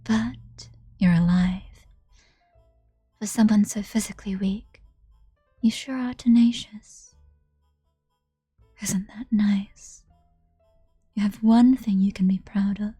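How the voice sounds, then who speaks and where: Brief: woman voicing a cruel sneering young tormentor, mellow dry read. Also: medium pitch, fairly even intonation, slow, pauses often, slightly rough, no room sound, soft background music. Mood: taunting. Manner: taunting, sneering, laughing. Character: cruel mocking young woman, gleefully sadistic. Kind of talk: reading a visual novel aloud.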